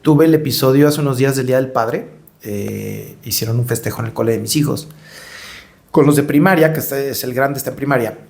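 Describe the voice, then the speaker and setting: A middle-aged man's gravelly, darkish voice sits at medium pitch and moves briskly as he tells stories in a podcast interview. He has a Mexican accent and a reflective manner, repeating words as he gropes for the next one.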